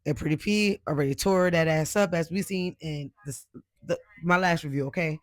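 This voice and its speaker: A man's voice: fairly high pitch, normal speed, dry recording, clean studio sound. A man hosting a casual reality show recap, commenting in slang and putting questions to viewers. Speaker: recap host.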